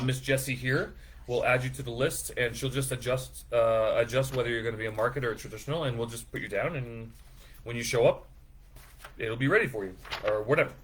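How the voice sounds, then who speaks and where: A man's voice: mid-range voice, fairly bright tone, breathy edge. Rambling, chatty man explaining farm details. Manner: rambling, self-deprecating, chatty with fillers. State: feeling sick after overeating. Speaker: farm owner presenting season details. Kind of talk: casual informational presentation.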